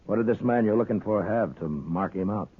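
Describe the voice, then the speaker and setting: An actor playing a steady, world-weary American marshal in a 1950s radio western, measured and laconic as he questions people. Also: lowish voice, breathy edge. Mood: calm, probing. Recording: muffled, narrow-band old radio recording.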